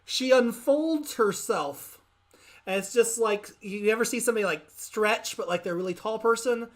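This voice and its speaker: A woman's voice: a little high, normal speed. A woman narrating as game master in a live tabletop game, chatty and giggly, rambling with restarts.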